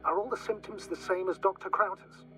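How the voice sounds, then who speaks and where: An actor voicing a male mission operator in a video game who talks in a measured, instructive way and thinks aloud. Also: high-pitched, fairly even intonation, lightly acted, poor audio. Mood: steady. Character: steady male mission operator guiding a teammate. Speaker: remote mission operator on the radio. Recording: game audio with music under.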